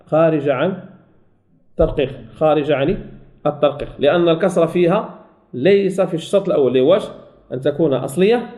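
A man teaching a Quran recitation lesson, who asks and answers his own questions and slowly repeats example words. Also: on the high side, warm tone. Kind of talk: recorded tajweed lesson.

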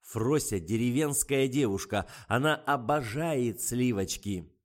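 A man voicing an irritable male film director who shouts bossy orders. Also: lowish voice, very slow. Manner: barking, bossy.

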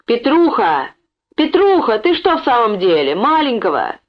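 A woman voicing a gruff, dark-faced male bandit who barks orders. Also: deep voice, very animated, fairly quick, voice pushed down. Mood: commanding. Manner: commanding, barking orders. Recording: dull lo-fi recording.

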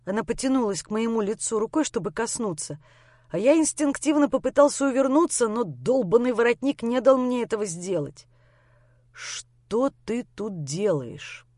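A woman reading a novel aloud in the first person, with steady, intimate storytelling. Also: a little high, fairly quick, no room sound, clean studio sound. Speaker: narrator. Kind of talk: audiobook narration.

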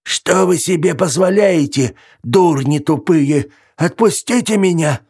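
A man voicing a cantankerous, scrawny old male scientist in a thin falsetto, with shrill, theatrical, indignant outbursts. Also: animated, a little slow, darkish tone, slightly rough, exaggerated voice. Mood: indignant shrieking. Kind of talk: audiobook character voice.

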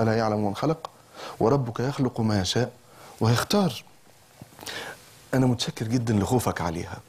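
A man's voice: mid-range voice, dark tone, slightly rough. A man with an Egyptian accent preaching a sermon, impassioned and full of rhetorical questions that rise to emphatic peaks. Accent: Egyptian Arabic. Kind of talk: religious sermon.

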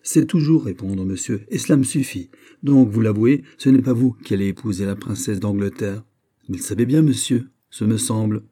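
Man doing an icy proud young noble, quiet and cutting, dark husky voice. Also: lowish voice, moderate pace. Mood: calm. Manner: calm, cold, cutting.

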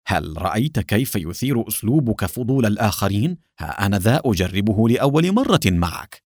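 Male reader voicing confident young woman agent, own voice, lively. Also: lowish voice, fairly quick, dry recording, studio quality. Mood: teasing.

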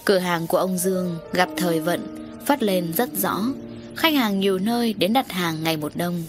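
A woman narrating an audio story in a steady, even reading voice. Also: on the low side, normal speed, music in the background.

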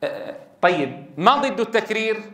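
A man's voice: high-pitched, big pitch swings, normal speed, sharp tone. A man gives a classroom lecture on Quran recitation rules. He is emphatic, repeats his key points and addresses his listeners as brothers. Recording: echoey room.

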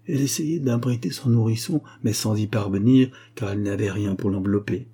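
A man narrating a classic story in a calm, measured way. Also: lowish voice, husky. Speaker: audiobook narrator.

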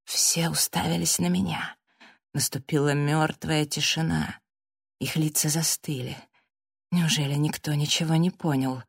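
A woman narrating a first-person audiobook in a steady, dramatic reading. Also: sits low, measured pace, gravelly, breathy edge, dry recording, studio quality.

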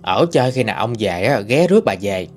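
A man telling a ghost story in a colloquial, lively way. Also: lowish voice, brisk, faint music behind. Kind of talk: spoken ghost story narration.

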